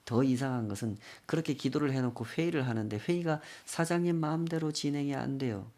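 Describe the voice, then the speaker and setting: A man's voice: medium pitch, brisk, mellow. A male pastor preaching a sermon, telling a story with acted quotes and rhetorical questions.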